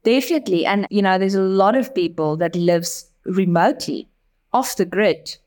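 In an interview conversation, an agency director from Namibia speaks earnestly with an Afrikaans accent, often repeating words as she works through her ideas. Her mid-range voice has a darkish tone and moves at normal speed.

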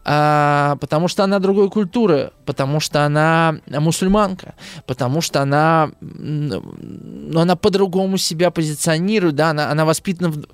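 Male lecturer, gravelly voice, hesitant, lots of fillers, rhetorical questions. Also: fairly high pitch, moderate pace, no echo. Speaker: literature lecturer. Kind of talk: literary lecture.

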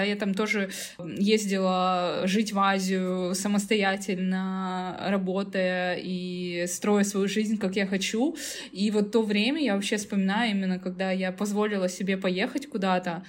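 A woman in her mid thirties, a podcast guest, talking cheerfully and laughing often. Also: mid-range voice. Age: 30s. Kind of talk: casual podcast conversation.

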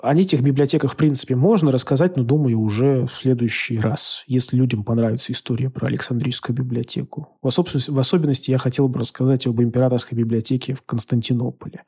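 A man telling history on a podcast in an unhurried, thoughtful way with many small fillers. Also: mid-range voice, fairly even intonation, a little mellow, husky. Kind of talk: casual history podcast talk.

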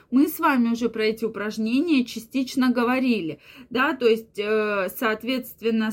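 A woman giving an explanatory health talk to viewers, often adding filler words like "yes" and "that is". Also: on the high side. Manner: frequent fillers and repeated "yes", "that is". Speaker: health adviser.

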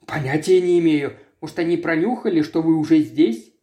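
Flustered stammering dentist, as a man reads him, halting speech, roomy echo. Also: on the high side, dark tone, close to an everyday voice.

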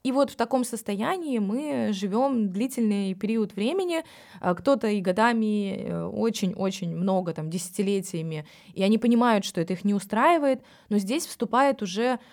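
A woman's voice: medium pitch, moderate pace. Frank woman explaining addiction. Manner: lively, addresses listener directly, frank. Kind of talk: explanatory podcast talk.

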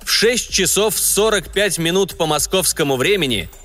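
A man reading an audiobook voices a male Soviet radio announcer, proclaiming slowly and ceremonially in a raised voice. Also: high voice, animated, pushed and bright, soft background music, pitched above the performer's own voice. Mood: solemn.

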